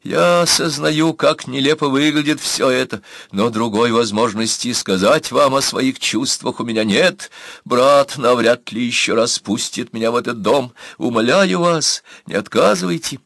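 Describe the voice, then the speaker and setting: A man's voice: mid-range voice, normal speed, vocal fry, a bit bright, no echo, studio quality, pitched above the performer's own voice. A man voicing a short, fat, repulsive uncle who begs for love in a cooing, bleating whisper. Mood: pleading.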